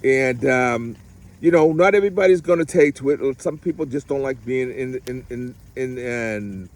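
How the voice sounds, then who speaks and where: A man's voice: medium pitch, normal speed. A man giving a casual vlog tour of an outdoor garden where he teaches kids. He rambles, with lots of fillers and restarts. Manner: rambling, warm-hearted, many fillers and restarts. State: getting rained on. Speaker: garden mentor to youth.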